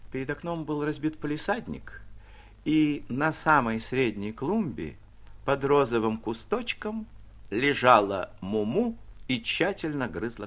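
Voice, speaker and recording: A man reading a classic story aloud in expressive scripted narration, sometimes dropping to a whisper. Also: fairly low pitch.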